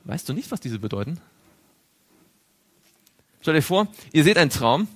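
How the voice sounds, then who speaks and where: A man's voice: fairly high pitch, sing-song, normal speed. A man teaching a Bible study to a group, drawing on a board as he goes, asking questions and chuckling now and then. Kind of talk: interactive Bible study lesson.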